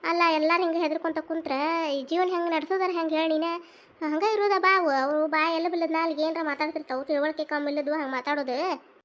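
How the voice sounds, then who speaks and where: A woman's voice: high-pitched, fairly even intonation, fast, fairly bright tone. A woman with a North Karnataka accent playing a motherly older village woman who consoles a younger one in a homemade family drama, giving soothing, scolding-kind advice. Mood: consoling. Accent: North Karnataka Kannada.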